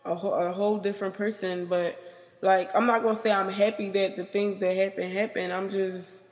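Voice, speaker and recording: A woman's voice: mid-range voice, flat delivery. Young woman interviewee who rambles and hesitates, dropping "like" constantly, with a long reverb on her voice. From United States. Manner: halting and rambling, filled with "like". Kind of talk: personal interview.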